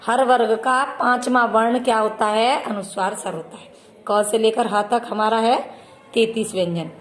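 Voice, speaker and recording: A woman's voice: on the high side, steady tone, moderate pace. A woman teaching a children's Hindi grammar lesson, patiently repeating terms and addressing her pupils fondly. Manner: patient, repeats terms and calls listeners "beta".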